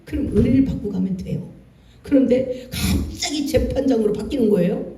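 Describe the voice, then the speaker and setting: A pastor preaching a Sunday sermon, lively and colloquial, acting out scenes with jokes and emphasis. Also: mid-range voice, moderate pace. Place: church sanctuary. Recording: distant echoey church hall.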